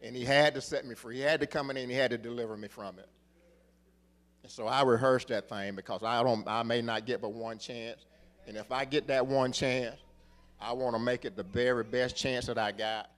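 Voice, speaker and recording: A middle-aged man preaching a sermon, repeating phrases for rhythm and building to emphatic shouts. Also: medium pitch, fairly even intonation, moderate pace.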